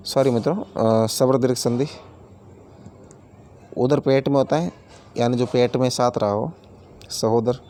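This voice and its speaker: A man's voice: mid-range voice, warm tone. A man teaching a grammar lesson, explaining each word with everyday examples and repeating key terms, addressing viewers as friends.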